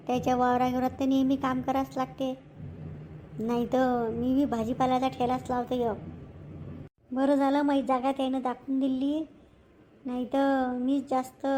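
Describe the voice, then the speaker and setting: Woman playing a touchy, high-voiced village housemaid. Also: a little hiss or hum, natural voice, poor audio. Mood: hurt. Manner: sharp, quick to snap, aggrieved. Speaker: actor in a village family drama. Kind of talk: village comedy-drama acting.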